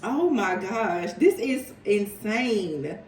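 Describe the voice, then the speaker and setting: Animated tarot-reading woman in a roomy space. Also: mid-range voice, extremely slow, a little hiss or hum. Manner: animated, laughs often, chatty and incredulous. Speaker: tarot reader. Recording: roomy sound, mic at a distance.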